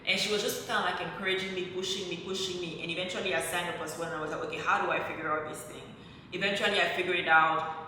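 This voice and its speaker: Here the same kind of online storyteller, a French-speaking Cameroonian woman, talks rapid-fire in a lowish, steady, sharp voice. She speaks casually to viewers about her own experience, dramatizing what went through her head. It was captured from a distance in a very reverberant room with slight noise.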